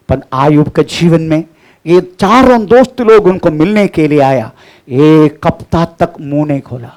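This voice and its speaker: A man's voice: sits high, darkish tone. A middle-aged male pastor preaching a sermon, often breaking in with praise the Lord and echoing the Bible reader's lines. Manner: repeats the reader's lines, frequent "praise the Lord" and "haan" interjections.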